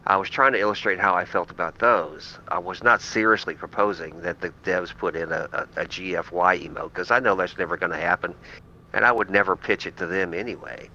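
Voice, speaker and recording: A man's voice: low-pitched, brisk, bright, forceful tone, lo-fi sound, a little hiss or hum. A man on a podcast, earnestly explaining himself in casual chat, with frequent restarts. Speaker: podcast guest.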